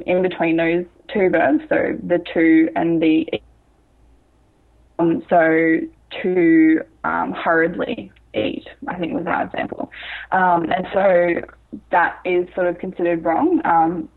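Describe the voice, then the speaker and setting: A woman explaining grammar myths in casual chat, her voice muffled as if heard through a wall, hesitant with lots of ums and restarts. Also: fairly low pitch. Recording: dull, muffled mic sound.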